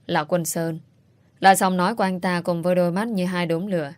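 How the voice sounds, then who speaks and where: A woman narrating a romance story as an audiobook in a steady storytelling voice. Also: lowish voice, fairly quick, dry recording. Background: faint music.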